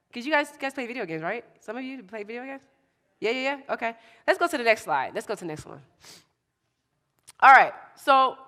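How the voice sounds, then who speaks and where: A young adult woman giving an energetic motivational talk to a youth audience in an event hall, repeating her key phrases in a chatty way. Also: a little high. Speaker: motivational speaker.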